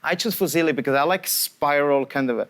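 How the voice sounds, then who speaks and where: A man's voice: on the high side, quick pace. A man with an Italian accent, a guest chef explaining a pesto recipe step by step in broken English on a morning show. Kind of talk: cooking demonstration on morning TV.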